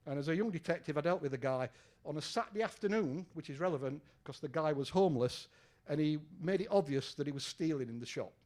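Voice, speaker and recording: A man's voice: fairly high pitch, animated, fast, darkish tone. An older English man, a retired detective, giving a conversational lecture with fillers and questions to the audience. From England. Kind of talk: lecture presentation. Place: lecture room.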